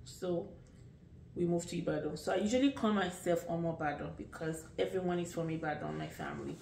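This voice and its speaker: A vlogger from Nigeria in her late thirties, speaking with a Nigerian accent, rambles through questions about herself at an easy, chatty pace with restarts. Her low-ish voice is gravelly and mellow, recorded at a distance in an echoey room with a little hiss or hum.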